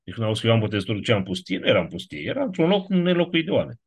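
A man's voice: medium pitch, sing-song, gravelly, breathy edge, no room sound. A man giving an online lesson, explaining step by step and often checking in with his listeners. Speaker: teacher of biblical Greek. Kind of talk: online lecture.

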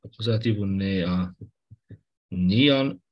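A man teaching a class, explaining grammar rules patiently, often checking that students follow and clearing his throat now and then. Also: deep voice, muffled recording. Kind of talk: classroom lecture on Ancient Greek grammar.

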